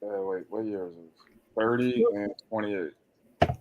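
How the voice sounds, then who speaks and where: A man in his late forties trades jokes as a guest on a casual livestream chat. His voice runs a little low, and his manner is playful. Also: unhurried, muffled recording. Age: 40s. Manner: joking, playful.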